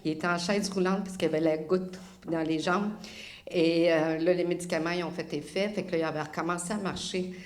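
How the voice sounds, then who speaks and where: A woman's voice: lowish voice, steady tone, fairly quick. A woman with a Québécois French accent giving an earnest, emotional testimony at church. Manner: emotional, laughing at times, earnest.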